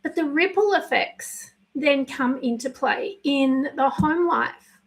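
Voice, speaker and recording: A life coach speaks to viewers in an unscripted live video, her husky, slightly worn voice still sitting fairly high. She talks slowly with frequent pauses, choosing words carefully and apologizing as she goes, as if talking things through. The audio is poor, with slight background noise.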